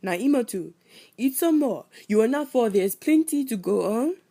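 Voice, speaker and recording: Doting older grandpa, slight Sierra Leonean accent, loud and insistent about second helpings; woman performing. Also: very high voice, animated, moderate pace, pitched above the performer's own voice, exaggerated voice. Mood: coaxing.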